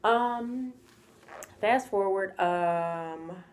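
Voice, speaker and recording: A woman's voice: mid-range voice, very slow, slight background noise. A woman telling a casual storytime, chatty and full of "like" fillers. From United States. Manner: chatty, full of "like" fillers, acts out quoted voices. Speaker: vlogger.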